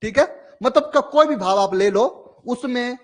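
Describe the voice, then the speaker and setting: A man with a high voice teaches a live online class. He talks through everyday examples, drops into a lower voice to act out little inner dialogues, and keeps pausing to check that students follow. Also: animated. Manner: explains with everyday examples, keeps asking "ठीक है?". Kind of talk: online exam-prep lecture.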